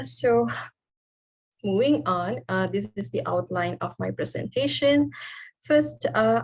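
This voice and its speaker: A woman's voice: mid-range voice, low-quality recording. A woman from Sri Lanka giving an online presentation over a video call as a guest researcher, speaking hesitantly with many fillers.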